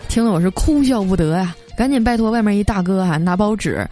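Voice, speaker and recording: A woman hosting a comedy segment, telling funny everyday stories in a chatty, lively radio style. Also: mid-range voice, quick pace, soft background music. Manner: chatty, lively, sprinkles filler particles. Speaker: host of a comedy story segment.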